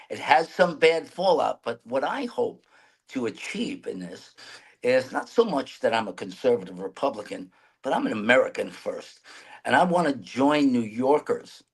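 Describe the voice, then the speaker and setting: A man's voice: medium pitch, breathy edge, rough recording. A man, answering interview questions earnestly in a rambling way with restarts. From New York City. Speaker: mayoral candidate guest.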